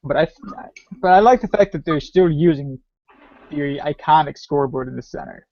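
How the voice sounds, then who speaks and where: A man's voice: a little high, normal speed, a little mellow. A man co-hosting a podcast in casual chat, dropping dry, wry asides. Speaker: podcast co-host. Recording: dry, dull lo-fi podcast audio.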